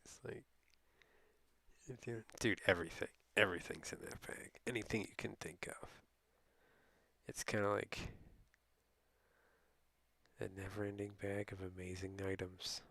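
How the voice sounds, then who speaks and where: A man's voice: low-pitched, fairly even intonation, a little slow, creaky, long pauses, sharp tone, no room sound. A middle-aged man telling a rambling, casual late-night story as a streamer, often laughing and quoting people.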